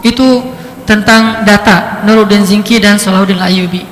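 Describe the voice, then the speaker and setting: A man giving a religious lecture, telling stories with lively shifts in pitch. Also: normal speed, a little hiss or hum. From Indonesia. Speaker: preacher. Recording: echoey hall.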